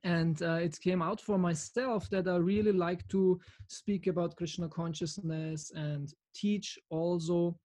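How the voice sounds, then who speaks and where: Man, from Austria, earnest, halting, video call talk. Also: high voice, steady tone, a little mellow. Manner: earnest, halting with fillers and restarts. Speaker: devotee lecturer. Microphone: video call from home camera.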